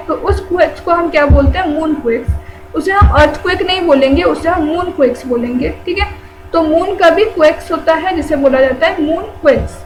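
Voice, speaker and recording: A woman's voice: sits high, rough recording. A woman teaching a general-knowledge lesson, who repeats key terms and asks and answers her own questions.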